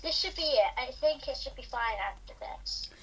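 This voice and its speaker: A woman's voice: high-pitched, animated, normal speed, fairly bright tone, slightly rough. A young woman gamer playing in character, reassuring her friend in a flustered, playful way. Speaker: gamer and co-host called [name]. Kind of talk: playful role-play gaming chat.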